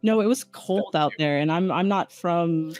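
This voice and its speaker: A podcast guest and game designer from Hawaii, laid-back in casual chat, laughing often and talking in halting bits. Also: mid-range voice, a little mellow, clean tone, no room sound, faint music behind.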